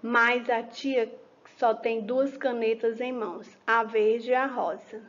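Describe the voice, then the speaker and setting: A woman teacher with a fairly high voice talks very slowly and patiently, as if to small children. She asks a question and then answers it herself. The recording sounds a little muffled and lo-fi. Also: steady tone. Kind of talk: children's lesson explanation.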